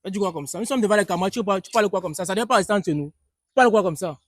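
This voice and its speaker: A man's voice: high voice, animated, very fast, dry recording, studio quality. A man playing a young man who is furious and defensive toward his cousin, repeating himself insistently in a staged street-interview skit. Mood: angry, defensive.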